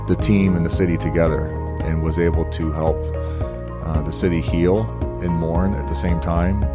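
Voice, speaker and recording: A deep-voiced man, a former baseball pitcher, speaks sincerely and warmly in an interview. Music plays clearly behind him.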